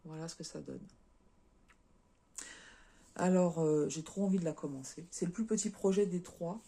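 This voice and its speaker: A woman's voice: on the low side, moderate pace, gravelly, mellow, breathy edge. A French woman chatting casually as a craft vlogger, showing and unboxing cross-stitch kits, with lots of fillers and repeated words.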